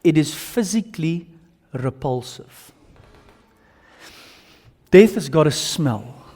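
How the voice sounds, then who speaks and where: A man's voice: on the high side, lively intonation, slow pace, mellow, husky. A man with an Afrikaans South African accent preaching a sermon in emphatic short phrases, repeating himself and putting questions to his listeners. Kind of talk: sermon with slides and audience questions. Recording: long hall reverb.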